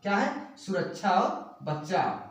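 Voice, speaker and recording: Standing at a board in a very echoey room, a biology teacher speaks away from the mic, quizzing students with repeated rhetorical questions and spelling terms letter by letter while writing. His high voice is very animated but slow. The distant recording carries a little hiss or hum.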